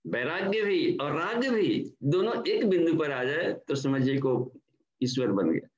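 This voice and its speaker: An older man from India, giving a slow, explanatory devotional lecture as a spiritual trainer and slipping English words into his talk. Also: fairly high pitch, big pitch swings. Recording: dull, echoey online class audio.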